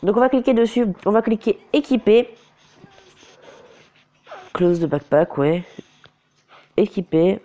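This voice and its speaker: Slow and expressive with frequent pauses, this man's high, warm voice carries casual commentary on a mobile game. He's got a cold and sore throat, often stumbles and self-corrects, and the audio comes from a phone screen recorder.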